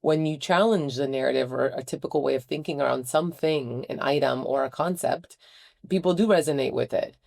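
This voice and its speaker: A woman's voice: rumbling low, a little fast, creaky, a little mellow. A woman hosting a podcast interview, chatty and enthusiastic as she talks with her guest. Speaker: podcast host. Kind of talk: casual interview chat.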